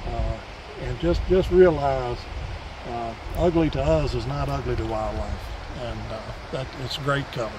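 A man's voice: medium pitch, measured pace, a little mellow, poor audio. A middle-aged man, a wildlife biologist giving an earnest, emphatic outdoor interview at a forest edge on a lapel mic. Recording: outdoor recording with clear background noise.

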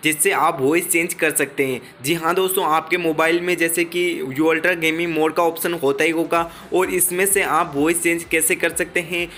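A man's voice: fairly high pitch, little pitch movement, normal speed, few pauses, sharp tone, a little hiss or hum. A man with an Indian accent giving a casual step-by-step phone tutorial, instructing viewers directly and often repeating himself. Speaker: tech tutorial host.

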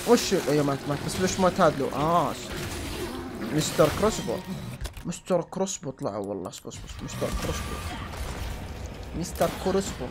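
A young man doing excitable let's play commentary and yelling at in-game enemies. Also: a little high, fast, pauses often, over music. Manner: excitable, yells and curses at enemies. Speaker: gaming channel host.

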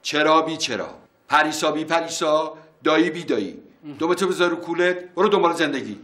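Gruff middle-aged uncle for a male actor, blunt and forceful, tone on the bright side. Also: fairly high pitch, lightly acted. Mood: threatening. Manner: blunt, threatening, then softly coaxing. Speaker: uncle in a TV comedy series.

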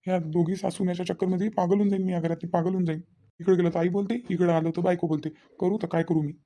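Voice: mid-range voice, little pitch movement, racing, warm tone, a little hiss or hum, lightly acted. A performer voicing a young husband in a cartoon, coaxing and pleading, caught between wife and mother, with a Vidarbha Marathi accent. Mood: helpless. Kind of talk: cartoon voice acting.

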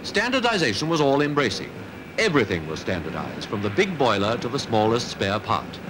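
A man's voice: mid-range voice, very animated, a little fast, background noise. Man narrating an old newsreel. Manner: crisp, declamatory announcing.

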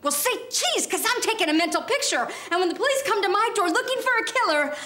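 An actress playing a prim, high-strung, indignant woman in a sitcom. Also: lively intonation, fast talker, pushed and bright, full character voice. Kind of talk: sitcom acting. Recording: echoey, very noisy TV soundtrack.

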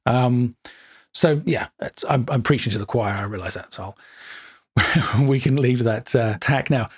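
A man's voice: mid-range voice, unhurried, husky. A man hosting an interview podcast, chatting with hesitations and filler words. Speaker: podcast host. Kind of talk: conversational interview.

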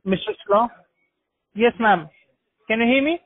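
A man's voice: extremely high pitch, lively intonation, measured pace, slightly rough. A man heard over a phone line, calling someone and repeatedly checking whether he can be heard. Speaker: phone caller.

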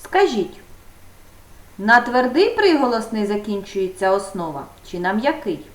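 A woman teacher dictating a grammar exercise to young pupils, drawing out each case question slowly and clearly. She sounds set back from the microphone, with a noticeable echo from the room around her. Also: mid-range voice, animated, far from the mic. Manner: slow, drawn-out emphasis on case questions. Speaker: primary school teacher. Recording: echoey room, voice from off-mic.

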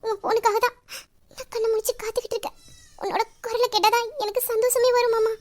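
A very high, sweet-voiced young wife in an audio drama, acted by a woman. She pouts and sulks, then soothes her husband in a gentle, devoted manner. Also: flat delivery, fast talker, a little hiss or hum. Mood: affectionate.

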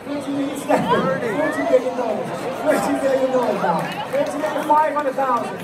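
A man working as an auctioneer, rapidly calling out bids in a repetitive chant in a large crowded hall. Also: extremely high pitch, heavy background noise. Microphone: PA speakers heard from a phone in the crowd. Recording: echoey hall from far off, loud crowd. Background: loud excited crowd.

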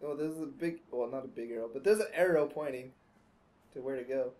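A young man giving casual, joking, excitable banter as a co-commentator over gameplay. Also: mid-range voice, fairly quick. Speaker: gaming co-commentator.

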